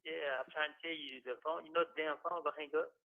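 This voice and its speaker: A man calling from jail on a payphone, chatting casually in a halting, mumbling way over a recorded phone line. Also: a little high, fairly even intonation, vocal fry. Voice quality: mumbling, halting, many restarts. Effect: jail payphone call, tinny phone line. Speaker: jail inmate on a phone call.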